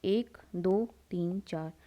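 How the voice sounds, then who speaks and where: Speaking extremely slowly in a lowish voice, a young woman teaches biology, and the recording is muffled. She draws as she explains, answers the questions she asks her students, calls them "beta," and slips English into her Hindi.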